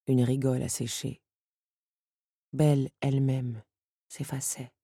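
A woman narrating an audiobook in a measured, even storytelling manner. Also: extremely low pitch, breathy edge, no echo, studio quality.

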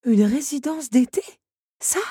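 Woman playing an eager young storybook heroine, raised excited voice, husky, dry. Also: mid-range voice, fairly quick, no echo, voice pushed up.

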